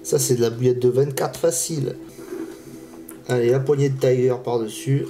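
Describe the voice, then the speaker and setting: A man's voice: mid-range voice, fairly even intonation, moderate pace. A man hosting a fishing channel, giving casual, slangy reaction commentary and laughing often. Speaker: YouTube fishing channel host. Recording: music from the reacted video behind.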